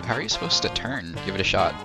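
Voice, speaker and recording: A man hosting a casual co-op game session, joking around and breaking into loud yelping laughs. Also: sits low, big pitch swings, fast, over loud music. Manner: jokey, bursts into loud laughing yelps. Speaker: let's play host. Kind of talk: casual gaming chat.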